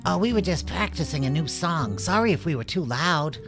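A man voicing a female drummer creature, friendly, apologetic, storybook, raised pitch, music underneath. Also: lively intonation, moderate pace.

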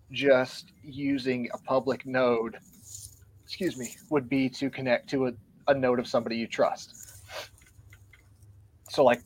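A man, a guest on a podcast, explaining his view in casual discussion, earnest and a little out of breath. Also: mid-range voice. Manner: earnest, explanatory, reads from show notes. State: a bit out of breath.

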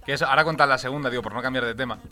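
Young guy, talks super fast, bright sharp voice, jumps in eagerly. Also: medium pitch. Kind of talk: casual chat.

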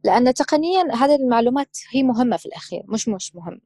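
A woman's voice: fairly high pitch, lively intonation, rapid-fire, dark tone, no room sound, clean studio sound. A woman chatting casually as a co-host in a discussion. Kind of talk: casual chat.

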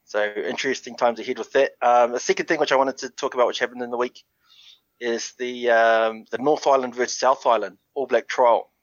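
A man hosting a casual rugby podcast in a matey, relaxed way. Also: mid-range voice, brisk, no room sound. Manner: relaxed, matey, calls guests brother. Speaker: podcast host. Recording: dull lo-fi audio.

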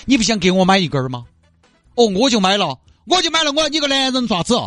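A man's voice: very animated, fast talker, a bit bright, no echo, faint music behind. A man voicing a quarrelsome young wife who nags and scolds with a Sichuanese accent. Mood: complaining. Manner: shrill, scolding, argumentative. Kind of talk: comedy sketch acting.

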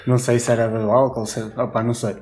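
A man's voice: medium pitch, quick pace, slight background noise. Young man telling a rowdy story. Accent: European Portuguese. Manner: laughing, swearing, animated storyteller. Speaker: podcast co-host. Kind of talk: casual storytelling.

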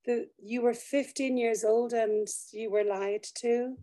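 A woman hosting a conversational interview, with a slightly croaky voice tired from teaching. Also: on the high side, fairly even intonation, a little slow, warm tone. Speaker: podcast host and interviewer.

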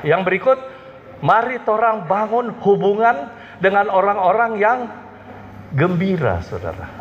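A man's voice: high voice, slight background noise. A man with a Manado Malay accent preaching a humorous sermon, joking and quizzing the congregation with call-and-response questions. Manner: joking, animated, keeps addressing the congregation. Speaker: pastor. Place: church hall. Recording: dull sound with long hall reverb.

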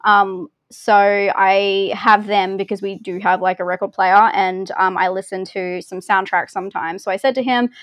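A woman's voice: mid-range voice, steady tone, moderate pace, few pauses, fairly bright tone, no room sound. A woman in her thirties with an Australian accent, chatting in an interview in a rambling, self-deprecating way and laughing often. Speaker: film reviewer guest. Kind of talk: casual interview chat.

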